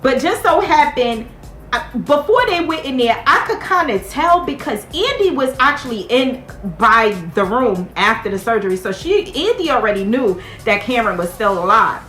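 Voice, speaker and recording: Chatty high-voiced woman recapping TV. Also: normal speed, roomy sound, soft background music. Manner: chatty, animated, talks straight to viewers. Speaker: TV show recap host. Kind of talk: casual TV recap commentary.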